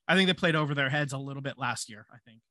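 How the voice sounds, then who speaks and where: Bright-voiced man chatting about sports. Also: mid-range voice, rapid-fire, no echo, clean studio sound. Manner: thinks aloud with fillers and restarts. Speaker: podcast co-host. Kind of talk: casual sports chat.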